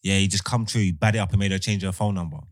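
A man's voice: low-pitched, steady tone, very fast. A man with a London roadman accent chatting casually in street slang, as in podcast banter.

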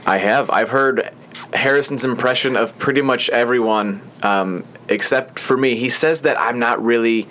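A young podcast host with a medium-pitched, slightly bright voice chats casually in a small studio at a normal pace. His talk rambles and is full of fillers.

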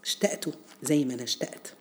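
A woman with an Egyptian accent hosts a religious storytelling series in a conversational style. Her voice sits low, with a mellow, dark tone. She teaches as she goes, addressing listeners directly and posing rhetorical questions. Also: racing, whispered. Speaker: storyteller and host of a Ramadan series on Quran stories.

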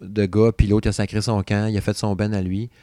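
A man's voice: fairly low pitch, fairly quick, no room sound. A man in his thirties from Saguenay with a Québécois French accent, co-hosting a casual chat show and joking about old songs. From Saguenay, Quebec. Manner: animated, joking, hums song snippets. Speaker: podcast co-host.

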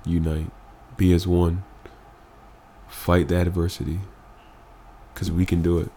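A man's voice: deep voice, little pitch movement, a little slow, mellow, a little hiss or hum. A man, a podcast guest, talking earnestly and emphatically, stressing points by repeating phrases, still emotional after crying. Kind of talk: emotional candid conversation.

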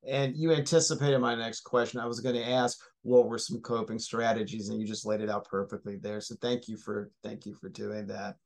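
A man's voice: medium pitch, steady tone, a little fast, hardly any pauses. A man interviewing a guest, listening closely and answering in a supportive way. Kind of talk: interview conversation.

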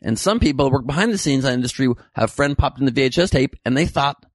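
A man's voice: medium pitch, expressive, quick pace, no room sound. A man hosting a comedy show, delivering a dry, rambling monologue full of self-correcting jokes. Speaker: comedy podcast host. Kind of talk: deadpan comic monologue.

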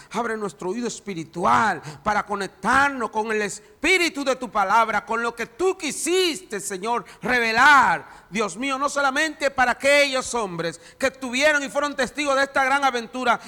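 Bright high-voiced male preacher. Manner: dramatic reading, voice rising and falling. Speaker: pastor. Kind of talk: sermon with scripture reading and prayer. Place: church.

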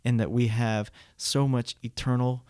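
A man's voice: mid-range voice, flat delivery, measured pace, darkish tone, dry recording. A man speaks earnestly in a casual faith discussion, restarting his sentences as he searches for the right words. His voice sits in a middle range. The recording is dry and close.

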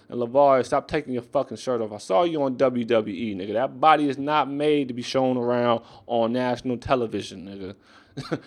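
A man hosts a casual sports podcast and rants bluntly, swearing freely. His voice is gravelly and fry-laden, sitting in an ordinary middle pitch. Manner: profane, blunt, ranting. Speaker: podcast host.

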